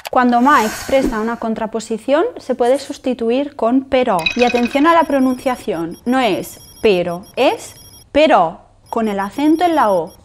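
A woman teaching grammar, explaining patiently and reading example sentences slowly. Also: fairly high pitch, expressive, noisy background. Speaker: language teacher.

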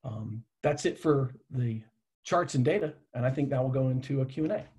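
A man's voice: medium pitch, normal speed, a little mellow, husky. A man in his thirties presenting travel data on a webinar video call from a home office, casual and full of fillers and restarts.

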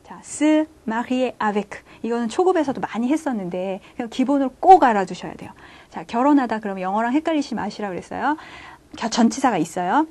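Woman teaching French, slightly high voice. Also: expressive, darkish tone. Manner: explains patiently, starting phrases with "자"; reads French example sentences slowly. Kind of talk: online language lecture.

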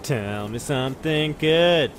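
A man's voice: fairly high pitch, expressive, slow pace. A man hosting a let's-play, chatting casually with a co-player, laughing often and swearing mildly. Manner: laid-back, laughs often, mild swearing. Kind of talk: casual gaming chat. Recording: noisy background.

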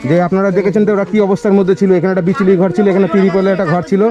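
A young man who hosts a charity vlog is interviewing villagers outside, coaxing them and repeating his questions in a relaxed, on-location style. His voice sits high with little pitch movement, he talks at a racing speed, and the recording sounds muffled.

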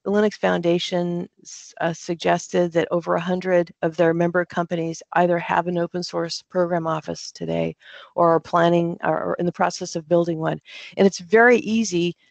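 A man speaking as a panelist on a video call, presenting opening remarks in a measured way with frequent fillers. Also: high voice, flat delivery, creaky, no echo. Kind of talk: conference talk on a video call.

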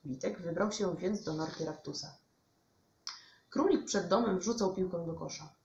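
A woman teacher reading a bedtime storybook aloud in an expressive, lively way. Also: on the low side, normal speed, gravelly, slight background noise. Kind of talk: storybook narration. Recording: echoey room, dull lo-fi sound.

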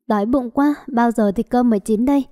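A woman's voice: fairly high pitch, brisk, warm tone, lightly acted. A woman voicing a grumpy old grandmother who scolds and nags sharply. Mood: grumbling.

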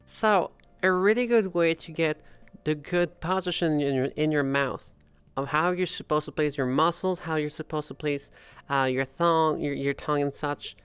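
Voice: medium pitch, steady tone, moderate pace, fairly bright tone, smooth, no echo. Chatty voice coach with a Quebec French accent. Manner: chatty, demonstrates sounds mid-sentence. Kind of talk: casual tutorial.

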